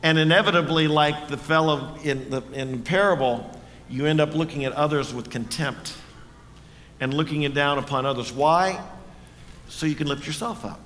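Bright-voiced man preaching in a church. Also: a little high, moderate pace, in a large hall, slight background noise. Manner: earnest, conversational, asks the congregation questions. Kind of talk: sermon. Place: church sanctuary.

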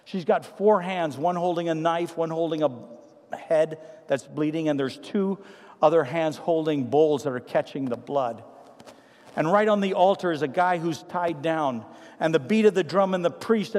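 A man in his sixties preaching a sermon as pastor, telling stories emphatically and swinging between loud declarations and hushed asides. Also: fairly high pitch, normal speed. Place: church sanctuary. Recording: reverberant church hall.

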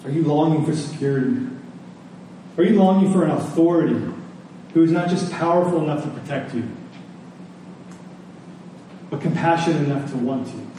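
In a large echoey room, a man with a slightly high, warm voice preaches a sermon to a congregation and closes in prayer. His manner is earnest and deliberate, with rhetorical questions and pauses placed deliberately. The recording comes from a distant mic, with echo and faint noise.

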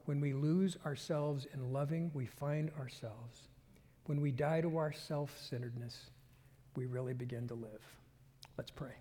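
A man preaching a sermon as pastor, earnest and unhurried, dropping at times to a whisper. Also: mid-range voice, mellow, long reverb tail. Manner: earnest, breath-paced, sometimes drops to a whisper. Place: church sanctuary.

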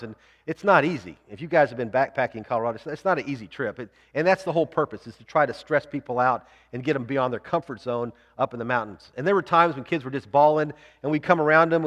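A male pastor delivering a sermon, talking through a story in an easy, conversational manner. His voice sits at a middle pitch and rings out with a long hall reverb. He often restarts his sentences and uses fillers as he goes. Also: a bit bright, highs cut off.

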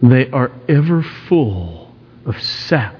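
A man preaching an expository sermon in an emphatic, dramatic manner, with rhetorical questions and swings between hushed and forceful delivery. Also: mid-range voice, sing-song, takes it slowly, husky. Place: large reverberant room. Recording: dull, echoey large hall.

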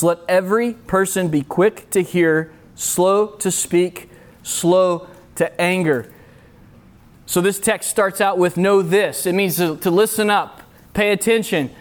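A middle-aged man preaching a sermon at a youth retreat, earnest and repeating key phrases for emphasis. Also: high-pitched. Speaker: youth pastor. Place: retreat meeting room.

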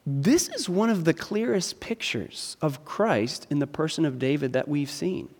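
A man's voice: fairly high pitch, expressive, unhurried, darkish tone, in a large hall. A man preaching an expository sermon, explaining a text with rising, emphatic peaks.

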